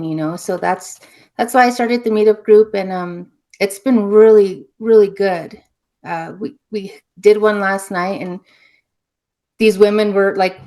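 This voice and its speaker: A woman from New Mexico, a spiritual healer guest, telling her story in an earnest, reflective way that often trails off softly. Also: mid-range voice. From New Mexico, USA. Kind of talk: casual interview storytelling.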